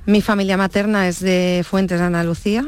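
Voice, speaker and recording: A middle-aged woman from Barcelona, a guest in a radio interview, talking haltingly and laughing between sentences. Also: medium pitch, steady tone, clear, resonant tone, faint music behind.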